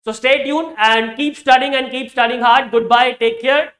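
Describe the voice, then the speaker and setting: A man's voice: very high voice, fairly even intonation, moderate pace, fairly bright tone. A man in his thirties with a North Indian accent, lecturing as an exam coach in mixed English and Hindi, explaining and repeating points for emphasis. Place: indoor teaching studio with a presentation screen.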